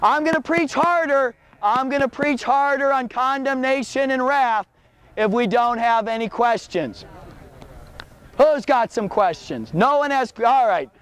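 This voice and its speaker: A man preaching loudly outdoors on a college campus as a street preacher, declamatory and confrontational. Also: extremely high pitch, a little slow, clear, resonant tone. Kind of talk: open-air street preaching.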